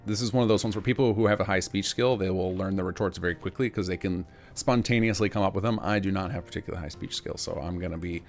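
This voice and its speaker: Quick-talking man with a gravelly low voice. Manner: informal, explanatory. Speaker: game mod developer giving a demo. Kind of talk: casual gameplay commentary. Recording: faint game music behind.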